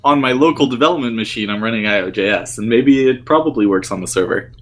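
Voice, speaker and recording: An earnest young man from Rhode Island co-hosts a casual gaming podcast. He talks haltingly and restarts his sentences often, with a pitch in the middle range for a man. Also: fairly bright tone. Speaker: podcast co-host and web developer.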